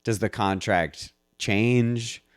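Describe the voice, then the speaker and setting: A man with a very low voice hosting a loose, casual conversation. He rambles, restarts his thoughts and slips in playful teasing, and the recording sounds dry and close. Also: very slow, clear, resonant tone, dry recording. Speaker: podcast host. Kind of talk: casual chat.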